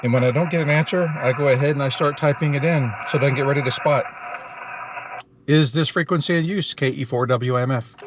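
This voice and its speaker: A mid-range male voice speaks briskly from inside a car, with background noise audible. He's an amateur radio operator narrating casually, switching between explanations and contest calls where he spells call signs and numbers in the phonetic alphabet.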